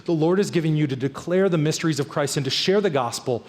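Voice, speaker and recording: High-voiced man preaching a sermon. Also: fast talker, darkish tone, in a large hall. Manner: earnest, emphatic preaching with repeated phrases. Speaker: pastor. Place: church sanctuary.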